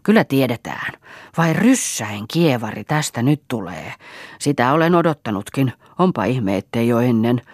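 A woman's voice: a bass voice, expressive, no room sound, studio quality. A woman voicing a bitter, spiteful old mother-in-law who scolds venomously, in an audiobook.

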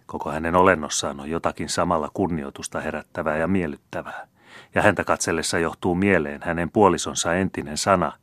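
A man narrating a classic novel as an audiobook in a measured, literary reading. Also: rumbling low, fairly bright tone, dry recording.

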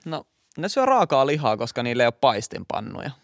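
A young man with a lively, bouncy voice, co-hosting a podcast. He teases his partner and tells crude jokes over a close, dry mic. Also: medium pitch, vocal fry, no room sound. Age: young adult. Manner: playful, teasing, crude humor. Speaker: podcast co-host. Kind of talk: casual chat trading bad jokes.

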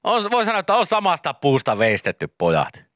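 A male radio co-host with a lively, swinging pitch who chats in a relaxed way and reads listener messages aloud. The studio sound is dry and close. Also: dry recording. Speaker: radio morning show co-host. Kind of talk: casual radio banter.

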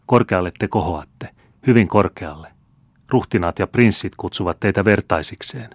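A man voicing an old female fortune-teller who reads palms in a teasing, blunt manner, counting slowly and deliberately. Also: low voice, dry recording. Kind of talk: audiobook character reading. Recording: dry close studio sound.

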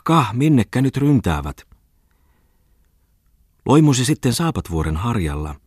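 Deep-voiced man reading a novel aloud. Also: dry recording, studio quality. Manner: calm, even literary reading. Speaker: audiobook reader. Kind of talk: scripted narration.

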